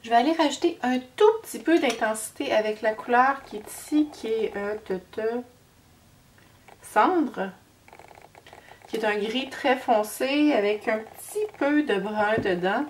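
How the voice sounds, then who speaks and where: A woman's voice: on the high side, unhurried. A woman with a Québécois French accent and a head cold, talking through a makeup tutorial in a chatty, hesitant way full of fillers and slips. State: has a cold. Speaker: beauty vlogger. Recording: distant mic with faint noise.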